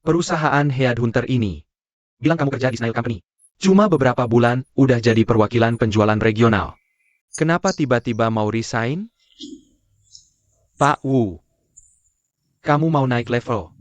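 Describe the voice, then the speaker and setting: A man's voice: mid-range voice, moderate pace, long pauses, no room sound, muffled recording, natural voice. A man dubbing a businessman and boss who speaks curtly. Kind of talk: Indonesian dub of a drama series.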